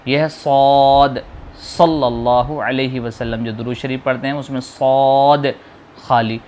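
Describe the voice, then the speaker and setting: A man teaching how to read the Quran, slowly drawing out each letter sound and patiently explaining how to pronounce it. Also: mid-range voice, steady tone, a little mellow, a little hiss or hum. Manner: slow, drawn-out modeling of sounds, explaining patiently. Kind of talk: spoken lesson on letter pronunciation.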